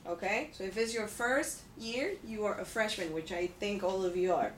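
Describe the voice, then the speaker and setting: A woman in her thirties teaches an English class at a normal pace and medium pitch. She is patient and often checks in with "okay?" and "right?". The room echoes, the mic is distant, and there is background noise.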